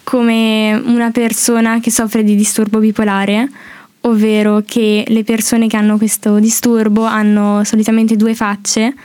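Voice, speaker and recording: A teenage girl reads her own poem in a flat, even voice. The sound is dry and close. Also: on the high side, a little slow, no room sound. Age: teens. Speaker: student reading her poem. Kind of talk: poetry reading.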